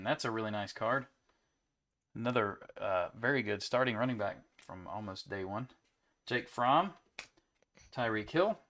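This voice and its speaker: Host, man, young adult, mid-pitched, relaxed chatter while opening card packs on a home stream. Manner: easygoing, rattles off player names between chat.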